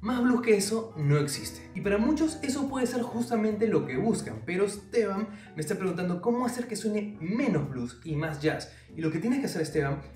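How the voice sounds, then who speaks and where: A man's voice: sits high, expressive, normal speed, hardly any pauses, a little mellow, roomy sound, distant mic. A young man giving a casual guitar lesson, explaining each step directly to the viewer. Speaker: guitar teacher. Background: faint guitar playing.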